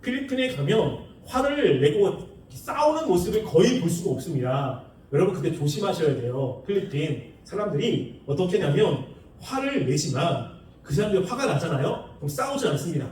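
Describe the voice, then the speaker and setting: A man preaching a sermon in a lively, animated way, acting out the people he quotes with laughs. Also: fairly high pitch, normal speed, slight background noise. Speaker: pastor. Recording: echoey room, far from the mic.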